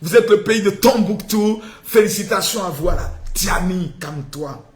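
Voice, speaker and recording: A man hosting a live stream, mocking and scolding loudly and often shouting. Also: high voice, normal speed. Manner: loud taunting mock-scolding, often shouting. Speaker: livestream host. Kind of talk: mocking satirical live commentary. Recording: echoey room with faint noise.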